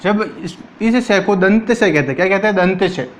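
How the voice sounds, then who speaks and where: A man teaching an exam-prep Hindi grammar lesson, asking each point as a question and answering it himself, drawing out the sounds as he recites them. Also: high-pitched. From Rajasthan, India. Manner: drawn-out syllables while reciting sounds.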